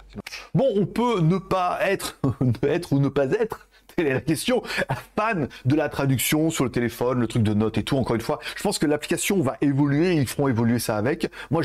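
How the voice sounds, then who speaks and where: A man talks through a gadget review in a loose, chatty way, leaning on fillers and casual slang. His voice is slightly husky and his pitch moves around a lot as he explains. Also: darkish tone. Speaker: tech product reviewer. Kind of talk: casual product review demo.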